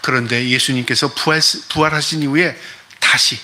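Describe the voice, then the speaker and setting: A man's voice: medium pitch, fairly even intonation, normal speed, sharp tone. A man preaching as a pastor, delivering an emphatic sermon full of rhetorical questions to the congregation.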